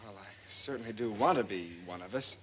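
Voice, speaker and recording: An actor playing a nervous, reluctant suitor in 1940s screwball comedy banter, on an old film soundtrack. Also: male voice, fairly low pitch, fast talker, dull audio, a little hiss or hum, close to an everyday voice. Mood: awkward, earnest. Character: nervous, reluctant young suitor pressed into lion taming.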